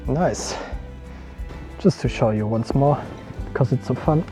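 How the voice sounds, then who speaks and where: A man's voice: mid-range voice, measured pace, over music. A man vlogging outdoors on a mountain trail through a small action camera, chatting casually and thinking aloud with little laughs. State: out of breath. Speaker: photography vlogger. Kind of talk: casual vlog narration while hiking.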